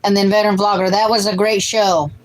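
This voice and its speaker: A woman in her late forties hosts a casual family cooking livestream, chatting away and reading viewer comments aloud before answering them. Her mid-range voice is level in tone and a little fast. The recording quality is low.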